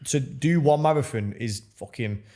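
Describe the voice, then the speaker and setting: A man's voice: mid-range voice, normal speed, warm tone. A man hosting a podcast interview, encouraging his guest in a matey way and swearing freely. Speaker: podcast host. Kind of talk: casual interview chat.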